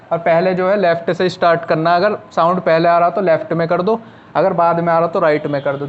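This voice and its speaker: High-voiced man teaching shorthand. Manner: patient, repeats rules step by step. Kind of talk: classroom lesson explaining at a board. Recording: slightly dull lo-fi recording with faint noise.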